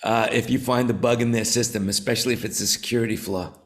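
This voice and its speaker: A man's voice: medium pitch, fairly even intonation, quick pace. Rambling older man hosting a chat. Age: 70s. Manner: rambling, repeats words, many fillers. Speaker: show host, company founder. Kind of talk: casual roundtable chat.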